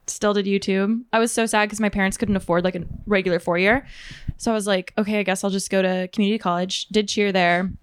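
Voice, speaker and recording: A woman's voice: mid-range voice, steady tone, fast talker, clean tone. A woman in her twenties from California, chatting casually as a podcast guest and filling her talk with "like". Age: 20s. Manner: chatty, filler-heavy with "like". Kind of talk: casual chat.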